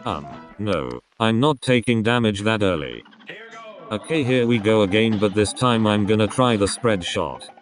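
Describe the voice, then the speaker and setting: A male text-to-speech voice reading casual let's play commentary, with an even machine delivery. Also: lowish voice, moderate pace. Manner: evenly paced machine reading of casual gaming banter. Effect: text-to-speech synthetic voice. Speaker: gaming channel host. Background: video game music.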